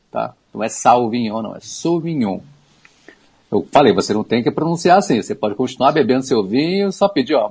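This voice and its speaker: Husky-voiced man explaining wine terms. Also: medium pitch, darkish tone. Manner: easygoing and teaching, with small asides and laughs. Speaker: wine commentator on radio. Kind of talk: explanatory radio chat.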